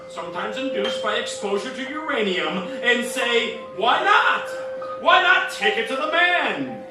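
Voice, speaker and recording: A man's voice: very high-pitched, exaggerated voice. A man playing a bombastic, deranged space captain in a parody of an old-time children's radio serial, speechifying grandly. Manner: grandiose, slow theatrical speechifying. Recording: distant, heavily echoing, music behind.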